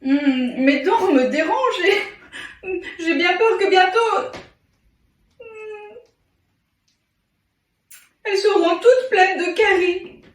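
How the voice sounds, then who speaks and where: Woman playing a slow, sleepy, sulky storybook crocodile. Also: very high-pitched. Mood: drowsy, miserable. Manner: drowsy, groaning, hesitant complaining. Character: sleepy, sulky, self-pitying male crocodile. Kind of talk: children's animal tale, played for toddlers. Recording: echoey room, distant from mic.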